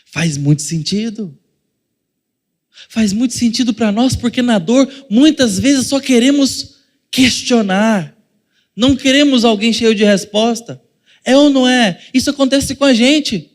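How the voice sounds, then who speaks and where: A man with a Brazilian Portuguese accent preaches from the pulpit, his voice pitched high for a man. He keeps it chatty, slipping into small acted-out scenes and turning to the listeners to address them directly. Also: measured pace, big-room sound. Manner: conversational preaching, acting out little scenes. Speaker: pastor. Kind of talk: sermon.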